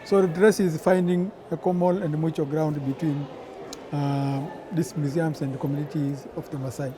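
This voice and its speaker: A man's voice: a little high, fairly even intonation, moderate pace, background noise. A man from Tanzania, part of a Maasai delegation, explaining things in a documentary interview with hesitant fillers.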